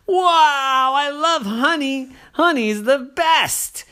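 A woman's voice: extremely low pitch, huge pitch swings, normal speed, heavily acted. A woman voicing a lost, hungry little girl who chats to herself in a curious way. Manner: curious, chatty.

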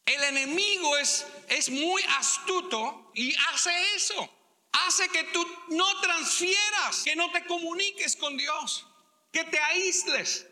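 A male pastor preaching a sermon, stressing words slowly and acting out quotes. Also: very high voice, bright, forceful tone, big-room sound. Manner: preaching with slow emphatic stresses and acted-out quotes.

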